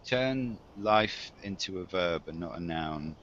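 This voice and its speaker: A man's voice: low voice, expressive, slow, a bit bright. A man talking in a reflective, musing way in a casual group discussion. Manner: reflective, musing, puts on voices when telling stories. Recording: dull lo-fi recording with faint hiss.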